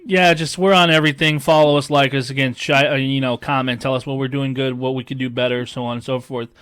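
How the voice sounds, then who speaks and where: A man co-hosting a podcast, ranting casually and swearing freely, mocking people in high put-on voices. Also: flat delivery, fast, fairly bright tone, clean tone. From Chicago area, US. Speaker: podcast co-host. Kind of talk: casual profane rant.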